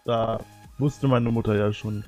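A man's voice: on the low side, steady tone, a little slow, dark tone, soft background music. A young man co-hosting a casual chat, blunt and full of crude slang. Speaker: podcast co-host.

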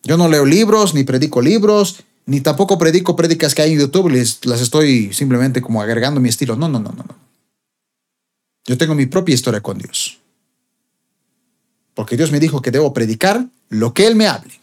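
A man preaching a sermon, his voice set a little high and swinging widely in pitch. He drives his points home with emphatic stresses that climb to high peaks. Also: animated, normal speed, a little mellow.

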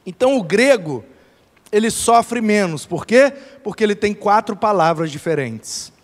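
High, lively male preacher in a hall. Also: unhurried. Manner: animated storytelling with laughter. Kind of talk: lively church talk. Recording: echoey hall reverb.

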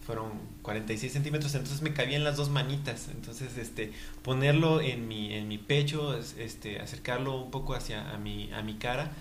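A young man, chatting as a guest in an interview, halting with many fillers and breaking into laughs. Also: medium pitch, fairly even intonation, roomy sound, a little hiss or hum. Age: young adult. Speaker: guest, new father. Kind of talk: casual interview chat.

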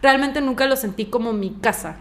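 A Mexican woman with a slightly high voice talks freely as an interview guest. She fills her speech with small connecting phrases and slips into quoted back-and-forth dialogue as she tells her story. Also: a little fast, a bit bright. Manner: talkative, fillers, acts out quoted exchanges. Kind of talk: conversational interview.

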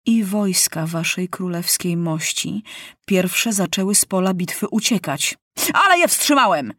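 A woman's voice: lowish voice, expressive, measured pace, fairly bright tone, no echo, studio quality. A woman reading aloud, voicing a sad, grave king who speaks firmly to a younger ruler. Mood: reproachful.

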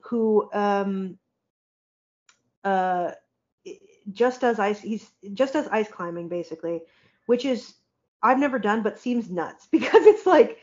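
A woman's voice: medium pitch, lively intonation, takes it slowly, long pauses, a little mellow. A woman chats casually on a podcast, rambling through her thoughts with plenty of fillers. She laughs often mid-sentence. The recording sounds somewhat dull and lo-fi. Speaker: podcast guest. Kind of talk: casual chat.

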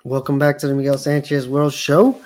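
A man in his forties hosts his own show with casual livestream chatter, rambling along with plenty of fillers and restarts. His voice sits at a medium pitch with a steady, darkish tone and a moderate pace.

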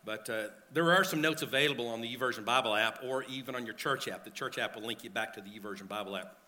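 Man, pastor, church sermon, pulpit microphone, very sharp bright tone, mid-range pitch, earnest, repetitive emphasis. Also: fast talker. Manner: earnest preaching with repeated phrases and appeals to the congregation.

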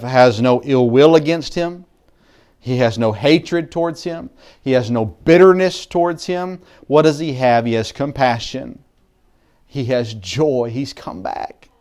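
A male pastor delivers a sermon in an earnest, unpolished way, stumbling over restarts as he goes. His mid-range voice swings between loud, stressed lines and soft, low asides. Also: measured pace. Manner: earnest preaching with frequent restarts, shifting between loud emphasis and quiet asides.

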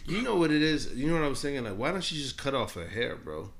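A man with a bright, forward voice at an average pitch hosts a podcast. He banters casually in slangy, profane bro talk. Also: sing-song, fast, creaky, a little hiss or hum. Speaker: podcast host.

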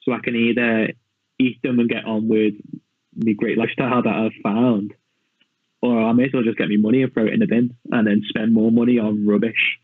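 Male guest, casual and self-deprecating, husky voice, phone-quality audio. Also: lowish voice, level tone, fairly quick. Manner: chatty, self-mocking, lots of fillers. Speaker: podcast guest, personal training client. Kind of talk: casual chat. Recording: tinny phone-like line, dry.

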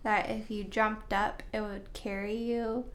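A woman's voice: medium pitch, little pitch movement, measured pace. A woman joining her husband's podcast as a guest, chatting casually in a hesitant way with lots of fillers. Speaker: guest, host's wife. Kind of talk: casual chat.

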